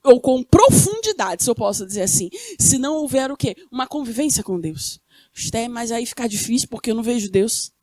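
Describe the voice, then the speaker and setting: Here the Carioca preacher from Rio de Janeiro sounds mellow, her fairly high, expressive voice moving a little fast. She keeps asking the congregation questions and then supplying the answers in her Brazilian Portuguese sermon. It's a dry, clean studio recording.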